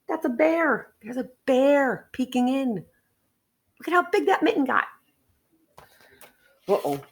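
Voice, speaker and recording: With a fairly low pitch, a woman gives an expressive picture-book reading to children. She elongates words to stress them and keeps chatting with her audience through asides and questions.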